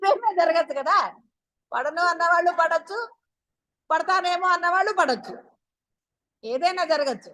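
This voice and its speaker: A woman's voice: very high-pitched, moderate pace, pauses often, pushed and bright. A woman giving a spiritual discourse as a teacher, talking straight to her listeners and firing off rhetorical questions in a chatty, coaxing way. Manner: addresses listeners directly.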